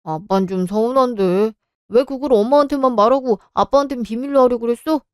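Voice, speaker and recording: A woman's voice reading the part of a supportive middle-aged father who gently encourages his son, in a radio drama. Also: a little high, a little fast, smooth, no echo, studio quality, pitched above the performer's own voice, close to an everyday voice. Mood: encouraging.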